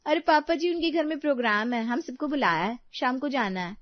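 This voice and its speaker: A sweet young daughter-in-law from a storybook tale coaxes her elders in a high, bright voice, as the narrator puts her on. She sounds pleading but cheerful. The sound is dry and slightly muffled. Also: animated, brisk, dry recording. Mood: coaxing. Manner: sweet, coaxing, high-pitched. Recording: dry, slightly dull recording.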